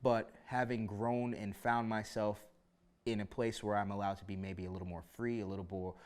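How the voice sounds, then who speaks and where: A man's voice: fairly low pitch, level tone, normal speed, darkish tone, clear, resonant tone. A man from Harlem hosting a casual interview, easygoing and full of "you know" fillers. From New York City (Harlem). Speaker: podcast host.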